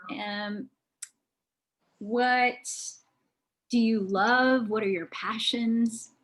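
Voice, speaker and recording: A woman's voice: a little high, fairly even intonation, drawn-out words, fairly bright tone. A woman hosts a casual online interview, introducing her guest and asking conversational questions. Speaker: interviewer, yoga community host.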